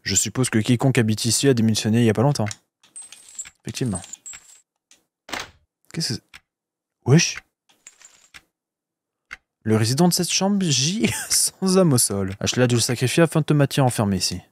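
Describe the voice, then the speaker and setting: A man's voice: medium pitch, expressive, moderate pace, pauses often. Crude joking French game streamer man. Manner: crude, joking, swears a lot. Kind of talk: casual let's-play commentary.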